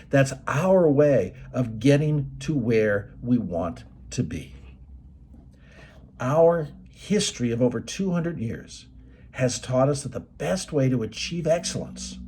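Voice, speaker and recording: A man's voice: mid-range voice, very animated, slow, mellow, slight background noise. A middle-aged man giving a motivational presentation, telling movie stories in a folksy way. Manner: folksy storytelling, quoting movie lines.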